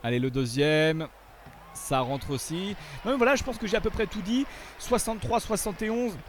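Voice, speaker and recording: A man giving gameplay commentary as a video host, animated, often swearing and yelling in frustration. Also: high voice, moderate pace, a little hiss or hum.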